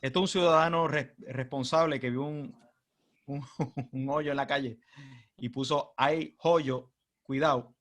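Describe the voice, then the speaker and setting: A Puerto Rican man, speaking with a Puerto Rican Spanish accent, is the guest speaker at a club meeting, giving a humorous, chatty informal presentation and asking the audience rhetorical questions. His medium-pitched voice is steady, a little slow, and fairly bright.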